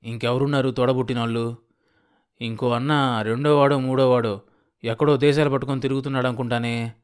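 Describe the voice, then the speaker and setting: A man voicing a nosy, suspicious old village man in his sixties or older, speaking in a drawling, rural way, lower and slower than his narration. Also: steady tone, smooth, close to an everyday voice. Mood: prying. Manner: drawling rural speech, grieving and prying.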